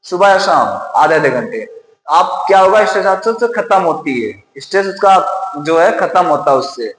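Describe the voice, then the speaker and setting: A man's voice: high-pitched, fairly bright tone. Echoey male teacher lecturing. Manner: repeats key points, asks and answers his own questions. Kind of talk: classroom-style lecture. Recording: roomy echo with long reverb.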